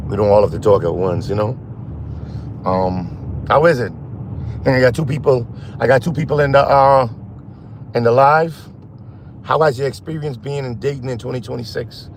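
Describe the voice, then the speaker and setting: A man hosting a casual phone livestream while driving at night, rambling and halting as he talks to his chat. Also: medium pitch, a little hiss or hum. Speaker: live stream host. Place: in a car at night.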